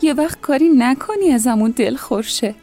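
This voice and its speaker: A high, strained young woman, as a woman narrator puts her on, pleads softly with a grieving mother in an audiobook-style story. Her voice sits well above the narrator's, with a mellow, dark tone, over faint background music. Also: expressive. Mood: anxious pleading.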